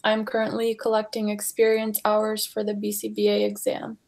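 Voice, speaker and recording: Woman, 30s, student presenter, monotone reading, video call audio. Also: mid-range voice, vocal fry. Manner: slow, very flat reading.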